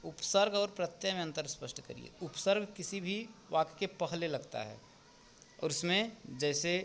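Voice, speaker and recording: A male teacher going through an exam paper step by step, often pausing to check with "ठीक?". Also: a little high, expressive, creaky, a bit bright, slight background noise. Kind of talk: exam paper walkthrough lesson.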